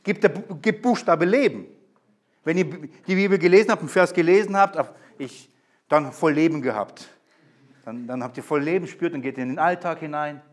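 A man's voice: a little high, normal speed. A man preaching a sermon to a congregation, stressing key lines with urgent emphasis.

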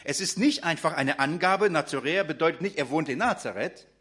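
A man's voice: on the high side, lively intonation, a little fast, fairly bright tone, breathy edge. A man preaching a sermon in German, talking directly to his congregation with frequent fillers and restarts.

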